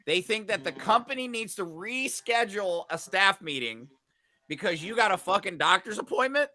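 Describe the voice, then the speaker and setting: A man's voice: high voice, normal speed. A man co-hosting a casual talk radio show, swearing freely and acting out mocking impressions of other people. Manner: profane, animated, mocking impressions. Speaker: podcast co-host, former teacher.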